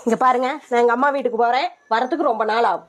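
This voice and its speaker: A woman's voice: fairly high pitch, fairly even intonation, very fast, heavy background noise. A woman playing a quarrelsome, nagging wife in a short comedy sketch. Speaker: comic skit performer.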